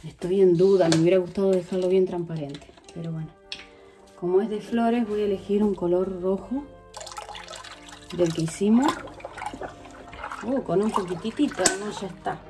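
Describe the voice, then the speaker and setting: In her home kitchen, a woman vlogger in her 40s gives a chatty how-to demonstration, addressing viewers directly while she works. Her medium-pitched voice moves at a moderate pace with long pauses, recorded on a phone mic with music beneath it.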